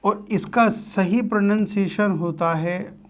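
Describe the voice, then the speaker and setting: A man teaching a grammar lesson for exam students, speaking deliberately and quizzing his listeners by repeating key terms as questions. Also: sits high.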